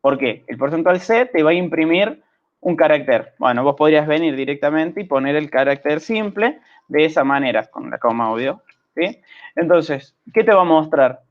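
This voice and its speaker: A man with an Argentine accent teaches programming, his voice sitting a little high for a man. He explains step by step and keeps checking that the class follows. The sound is dull and lo-fi, like a video call. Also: lively intonation, moderate pace. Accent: Argentine Spanish. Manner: patient, checks understanding with frequent "¿sí?".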